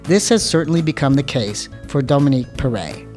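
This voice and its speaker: A man co-hosting a podcast, calmly reading a scripted recap and asking the guest questions. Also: medium pitch, a little fast, soft background music. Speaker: podcast co-host. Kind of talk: scripted intro and interview questions.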